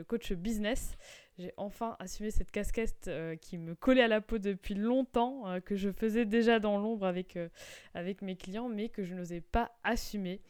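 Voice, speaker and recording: A woman's voice: medium pitch, darkish tone, smooth. A young woman hosting her own podcast as a business coach, talking casually with many fillers and restarts. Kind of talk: casual solo podcast talk.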